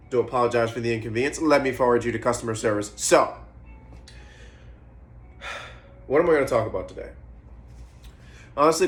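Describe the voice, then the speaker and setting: Young guy in his 20s vlogging, rambly, swears a lot, just thinking out loud. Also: mid-range voice. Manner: rambling, profane, musing aloud; eating while talking. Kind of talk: casual monologue to camera.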